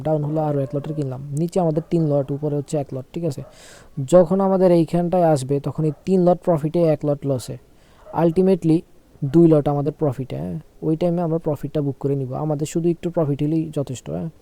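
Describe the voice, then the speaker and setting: A young man, unwell and speaking slowly, giving a casual screen-share trading tutorial and often checking "okay?". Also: fairly high pitch, warm tone, no room sound. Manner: slow, repeats phrases, asks "okay?" often.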